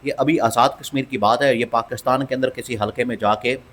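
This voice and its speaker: Guy ranting about politics, scornful, keeps repeating himself for punch, mid-pitched voice. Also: fairly even intonation, brisk, fairly bright tone. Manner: emphatic, scornful, repeats phrases for stress. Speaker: political commentator. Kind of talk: opinionated political commentary.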